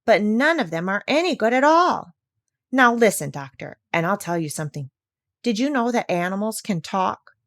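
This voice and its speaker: Storybook parrot, played by a woman: female, high-voiced, proud and instructive, lively pitch, dry recording. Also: moderate pace, dry recording. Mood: proud, insistent. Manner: emphatic, instructive. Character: proud, bossy female parrot, eager teacher.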